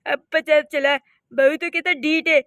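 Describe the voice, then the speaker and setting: Woman doing a scolding old village mother-in-law for a cartoon, high bright voice, dry sound. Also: fairly even intonation, measured pace, dry recording. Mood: complaining. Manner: scolding, complaining. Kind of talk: cartoon voice acting.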